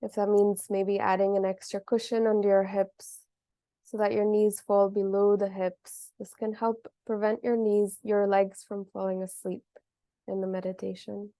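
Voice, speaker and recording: A female meditation teacher leads a guided meditation, her mid-range voice mellow, relaxed, and nearly flat in intonation. She talks gently and deliberately, pausing at length between phrases, and the audio is dry and close with no room sound at all.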